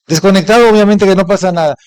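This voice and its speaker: A man's voice: high-pitched, quick pace, darkish tone, smooth, no room sound, low-quality recording. A middle-aged Mexican man preaching a Sunday sermon as pastor, often asking his congregation questions. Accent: Mexican Spanish. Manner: asks the congregation frequent rhetorical questions.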